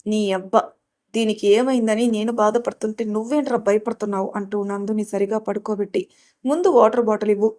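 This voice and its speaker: A woman voicing a calm young male student who speaks firmly and reassuringly. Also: mid-range voice, brisk, lightly acted. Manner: firm, reassuring.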